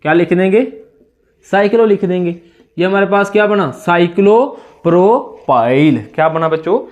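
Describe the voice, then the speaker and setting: A male chemistry teacher with a noticeably high voice lectures while nursing a sore throat. He keeps firing questions at his students and answering them himself, echoing each answer back. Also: moderate pace, a little mellow, lo-fi sound. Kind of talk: classroom lecture.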